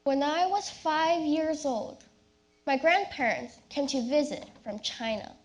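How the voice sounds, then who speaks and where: A young woman delivering a rehearsed, memorized competition speech as a personal story, with deliberate, theatrical phrasing and dramatic pauses. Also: sits high, expressive. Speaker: youth speech competition contestant.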